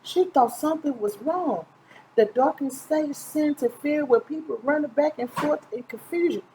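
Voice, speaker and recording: Seated close to the camera in a small indoor room, a middle-aged woman with a high voice reads a children's picture book aloud at normal speed. Her informal storybook narration stumbles now and then, and she corrects herself, with noise in the background.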